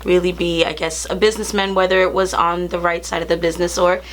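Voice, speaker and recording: A woman's voice: lowish voice, little pitch movement, fast talker, fairly bright tone, slight background noise. A woman hosting a casual interview, encouraging her guest and affirming him often. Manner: encouraging, with many affirming fillers. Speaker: interview host.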